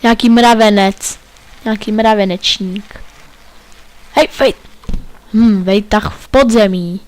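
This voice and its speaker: A man's voice: high voice, fairly even intonation. A man giving playful, joking commentary while playing a video game. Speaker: let's play gamer.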